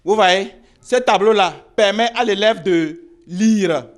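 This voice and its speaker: A man teaching a primary school reading lesson, spelling out syllables, repeating words and checking with the pupils as he goes. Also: high voice. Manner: slow, repeats words and syllables, asks "vous voyez?".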